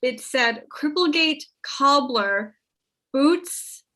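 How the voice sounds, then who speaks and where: A woman's voice: high-pitched, lively intonation, drawn-out words, sharp tone. A woman co-hosting an improv live stream in a casual, chatty style. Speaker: improv show co-host.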